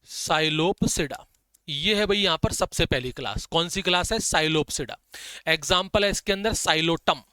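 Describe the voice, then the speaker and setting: A man gives a biology lecture for exam prep, dictating notes and drawing out key terms slowly so students can copy them. His voice sits high and comes through clear and smooth. The recording is dry and close, with no room sound. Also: sharp tone, no room sound. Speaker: biology teacher.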